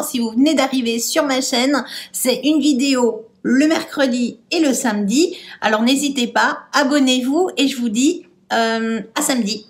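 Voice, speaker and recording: A French woman chatting casually through a makeup tutorial, hesitant and trailing off with fillers as she works. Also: sits high. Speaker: beauty vlogger.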